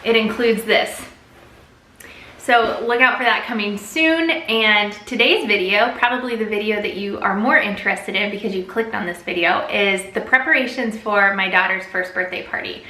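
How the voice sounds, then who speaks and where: A bright, chatty woman talking to her camera in a friendly, upbeat way. Her voice bounces around a hard-walled bathroom, so every word carries a strong echo. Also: mid-range voice, moderate pace. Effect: strong room echo. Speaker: family vlogger. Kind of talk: casual chat to camera. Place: bathroom at home. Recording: echoey bathroom recording.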